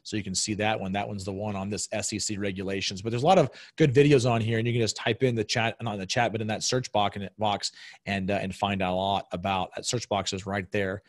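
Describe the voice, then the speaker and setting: A man's voice: on the low side, level tone, fast talker, dry recording, clean studio sound. A man in his thirties hosting a live webinar, answering audience questions in a conversational, explanatory way with many fillers and restarts.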